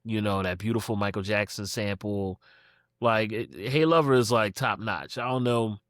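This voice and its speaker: A man's voice: fairly low pitch, normal speed, fairly bright tone, dry recording, studio quality. A man from Philadelphia, a podcast guest, talking casually about music with lots of fillers and acted-out quotes. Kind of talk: casual conversation.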